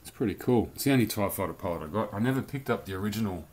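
A man's voice: on the low side, expressive, very fast, a little mellow. A man casually reviewing a collectible toy in a rambling, chatty vlog from his home beer cellar. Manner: chatty, rambling, loose slang.

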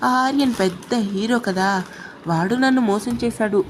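A woman's voice: a little high, a little slow, a little hiss or hum, close to an everyday voice. A woman voicing a heartbroken young woman who is drunk and crying, her speech slurred and angry. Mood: tearful.

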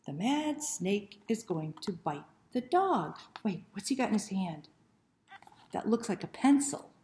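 A woman in her fifties hosts library story time in a small indoor room, reading a children's picture book aloud and chatting with young children through questions and simple instructions. Her medium-pitched voice is very animated and warm, and she speaks a little slowly. The recording carries a roomy indoor echo.

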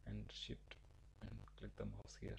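A man teaching a software tutorial, giving halting step-by-step instructions with frequent restarts. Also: lowish voice, completely flat delivery, gravelly, a little hiss or hum, poor audio. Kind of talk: screen-recorded software tutorial.

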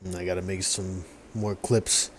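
A man's voice: low-pitched, flat delivery, a little slow, a little hiss or hum. A man livestreaming a video game, chatting casually with a friend and joking around. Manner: joking, rambling, sings snatches of songs. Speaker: gaming livestreamer. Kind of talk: casual gaming chat with a friend.

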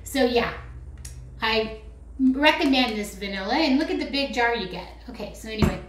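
High-voiced chatty woman crafting at home. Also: expressive, normal speed, background noise. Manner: chatty, rambling, self-teasing. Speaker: craft vlogger. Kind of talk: casual how-to chat. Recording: roomy echo with faint clicks.

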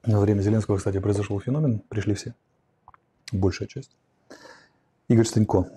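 Low-voiced man lecturing at a whiteboard. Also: fairly even intonation, moderate pace, dark tone, slight background noise. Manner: reflective, explains with a whiteboard, reads questions aloud then answers. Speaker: host answering viewer questions. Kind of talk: livestream lecture on philosophy and psychology. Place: indoor studio room with curtains and whiteboard. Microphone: lapel mic.

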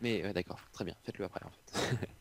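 A man's voice: low voice, fast talker, vocal fry. A man co-playing in casual game commentary, teasing with mock-formal, sarcastic quips. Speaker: co-player.

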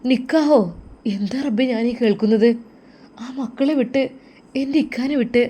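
Woman voicing a grieving young man, distressed, pleading, storybook character, even pitch. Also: moderate pace, close to an everyday voice. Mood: agitated.

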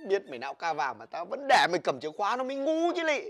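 A man's voice: high voice, wildly swooping pitch, racing, exaggerated voice. A man with a Northern Vietnamese accent playing an exasperated older brother who scolds his little sister in a village comedy sketch. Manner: scolding, exasperated, loud complaining.

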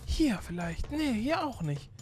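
Woman gaming streamer, high and sparkly, very animated delivery, jumpy exclamations, faint game music behind. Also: unhurried. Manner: jumpy, exclaiming, repeats words in bursts. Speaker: gaming YouTuber. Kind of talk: excited gameplay chat.

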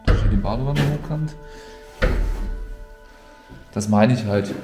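A man's voice: medium pitch, unhurried, music in the background. A man giving an informal, colloquial walk-through commentary as a vlogger out and about. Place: mostly outdoors, walking through an abandoned housing estate.

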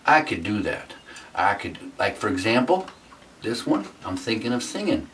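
A man's voice: fairly low pitch, sing-song, normal speed, a bit bright, recorded from a distance, a little hiss or hum. A man vlogging in a playful, mock-indignant, boastful way in a room at home. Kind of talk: playful comic vlog.

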